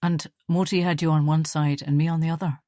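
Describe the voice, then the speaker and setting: A woman reading the part of a cheerful, joking young man in an audiobook, lively and teasing. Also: low-pitched, a little fast, no room sound, studio quality, natural voice. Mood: somber. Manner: playful, teasing, loud and lively.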